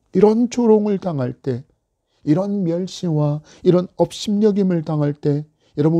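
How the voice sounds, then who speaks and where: Deep-toned Korean-church pastor preaching. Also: male voice, warm tone. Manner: earnest, measured preaching with dramatic quoted voices. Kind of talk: expository sermon.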